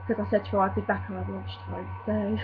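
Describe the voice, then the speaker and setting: With a cold slightly stuffing her nose, a young woman chats through a casual vlog, rambling and self-apologetic with many fillers. She talks fast at a medium pitch with little pitch movement, over a dull lo-fi recording carrying a faint hum.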